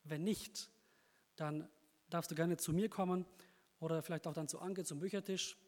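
A man's voice: a little high, steady tone, normal speed, a little mellow, big-room sound. A man preaching a sermon, earnest and encouraging, speaking directly to his congregation.

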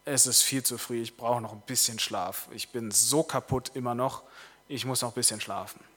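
A man preaching plays a tired, commanding king who is quick to anger, in a telling of a story. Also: mid-range voice, fairly even intonation, bright, forceful tone. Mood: sleepy, annoyed. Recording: long reverb of a large hall.

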